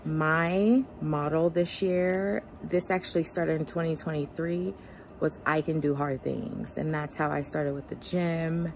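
Low, creaky-voiced woman in an ice bath. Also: fairly even intonation, measured pace, a little mellow, a little hiss or hum. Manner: speaking while sitting in an ice bath. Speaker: vlogger addressing followers. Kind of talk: casual, heartfelt talk to camera.

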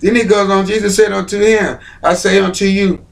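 High-voiced man preaching fervently. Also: flat delivery, a little fast, vocal fry. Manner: fervent repetitive preaching with praise interjections. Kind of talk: sermon. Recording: voice a bit far from the mic.

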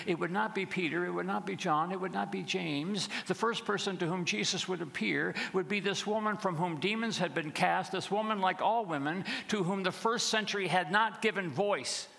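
A middle-aged pastor preaches from the pulpit with a fairly high voice that has a gravelly, fry-edged texture. He builds rhythmic repetitions and sinks lower for the dark passages. His words ring out with a long reverb through a large church sanctuary. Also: a little fast, hardly any pauses. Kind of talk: sermon. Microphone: pulpit microphone.

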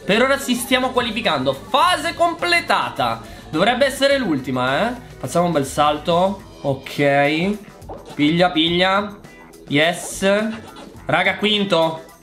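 Man, Italian accent, gameplay commentary, swooping lively pitch, faint game music behind. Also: takes it slowly. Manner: chatty, exasperated, talks to viewers as "raga". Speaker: gaming YouTuber.

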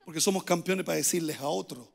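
A man preaching as a pastor, emphatic, repeating his phrases and rising at times to shouted pleas. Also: a little high, fast talker, vocal fry, in a large hall. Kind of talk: sermon.

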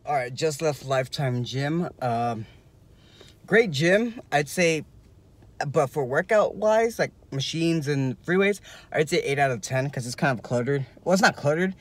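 A man's voice: on the high side, measured pace. A young man in his twenties chatting casually in a vlog review from inside a parked car, rambling loosely and leaning heavily on filler words, recorded on a phone held at arm's length. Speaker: vlogger.

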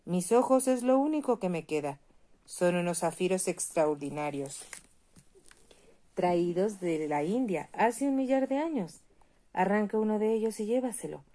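A woman voicing a gentle, sorrowful prince statue in a read-aloud fairy tale, speaking softly and pleadingly. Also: mid-range voice, lively intonation, measured pace, voice pushed up, natural voice.

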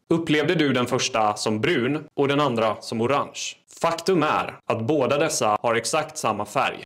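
A man presenting fast quiz and fact clips for social media, with quick, punchy delivery and deadpan pun jokes. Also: mid-range voice. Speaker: TikTok creator.

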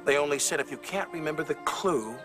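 An actor playing an eccentric, dreamy magical train conductor who muses aloud to himself, from a film. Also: male voice, on the high side, a little fast, music in the background, natural voice. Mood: musing. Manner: musing, talks to himself. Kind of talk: film dialogue.

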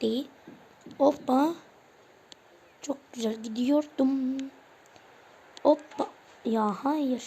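Hosting her gaming channel, a woman with a high voice gives casual live commentary on her own football video game match. She talks slowly and loosely, shouting player names in quick bursts, exclaiming at plays, and grumbling at missed chances. Slight background noise is audible.

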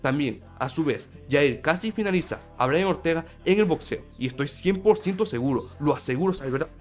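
Man, MMA commentator, bit high voice, sore throat, emphatic, talks straight to viewers, faint music behind. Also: expressive, brisk. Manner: emphatic, repetitive, addresses viewers directly. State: sore throat, slightly feverish. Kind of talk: opinion video commentary.

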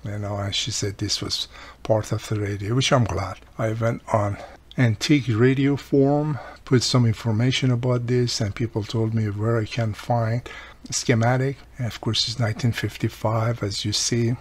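The radio repair host, a middle-aged man, walks through a hands-on fix at his indoor workbench, explaining casually with plenty of "you know" and small warnings. He speaks at a moderate pace in a low-leaning, husky voice with fairly even intonation.

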